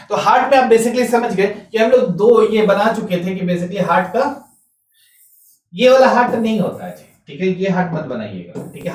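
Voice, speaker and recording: High-voiced teacher in an echoey room. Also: male voice. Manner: repeats "ठीक है" constantly, asks and answers own questions; mixes English terms into Hindi, spells words out slowly. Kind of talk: exam-prep science lecture. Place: classroom or small studio, writing on a board. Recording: echoey room, mic some distance off.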